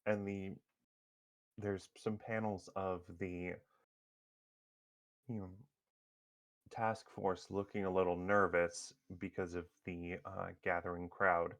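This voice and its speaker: Slow, deep-voiced male game master. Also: little pitch movement, fairly bright tone. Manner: halting, many fillers and restarts. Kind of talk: narrating a tabletop superhero game.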